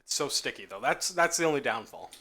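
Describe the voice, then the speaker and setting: Quick, bright-voiced man eating on stream. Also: medium pitch, lively intonation, gravelly. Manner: talks with his mouth full, chatty and enthusiastic. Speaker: streamer hosting a cooking stream. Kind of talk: casual chat while eating on a live stream. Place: home kitchen.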